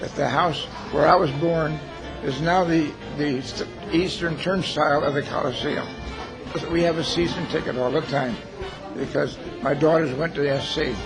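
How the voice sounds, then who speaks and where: A man in his nineties from Los Angeles, an honoree speaking plainly and a little haltingly. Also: a little high, steady tone, gravelly, over music, low-quality recording. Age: 90s. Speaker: birthday honoree.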